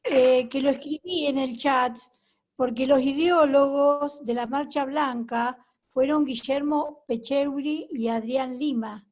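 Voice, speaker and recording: A woman joins the meeting to set the record straight in a matter-of-fact way. She speaks insistently, and her voice sits quite high. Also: steady tone, slow, a little mellow. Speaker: meeting participant. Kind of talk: online meeting comment.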